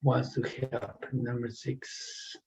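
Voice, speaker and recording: A man's voice: medium pitch, monotone, slow pace, darkish tone, husky. A man teaching an English class, encouraging students and calling on them by name.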